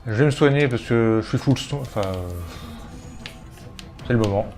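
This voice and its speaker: Male let's player, medium pitch, casual commentary, thinking aloud, music behind. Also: normal speed, a little mellow.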